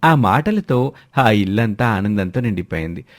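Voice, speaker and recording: A man's voice: lowish voice, lively intonation, normal speed. Give me a man reading a moral story as narrator. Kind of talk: scripted narration.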